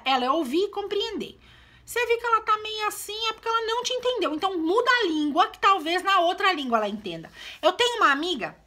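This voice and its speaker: A woman's voice: very high-pitched, pushed and bright. A woman vlogging about her children, talking chattily to her viewers and explaining things. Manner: chatty, explaining, often addresses viewers with "né" and "gente". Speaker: vlogger, mother of two. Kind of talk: casual talk to camera.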